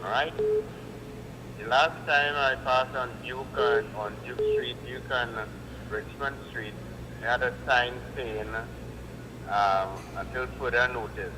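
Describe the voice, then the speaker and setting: A male caller heard over a phone on speakerphone, sounding a little distant. He talks in a halting, hesitant way at an ordinary pitch. The call carries a long reverb and clear background noise. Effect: phone call on speakerphone, distant from mic. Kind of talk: call-in question.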